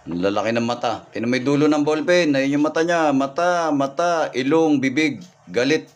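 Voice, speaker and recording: A folk healer livestreams readings, a man with a medium-pitched voice speaking at normal speed. He reads signs, points things out, and repetitively thanks viewers by name.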